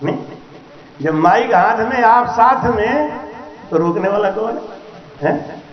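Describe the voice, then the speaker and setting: A man singing devotional verses in long, drawn-out lines and preaching at a night gathering through a handheld mic. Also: sits high, echoey room, muffled recording. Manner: slow drawn-out singing, then quick lively preaching to a crowd. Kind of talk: devotional singing and satsang sermon. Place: night gathering before a crowd.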